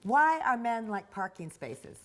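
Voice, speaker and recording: A woman playing a pushy, flirty office coworker in a training skit, loud and teasing. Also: a little high, very animated, unhurried, crowd noise. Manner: loud, teasing, laughs often. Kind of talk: training video role-play.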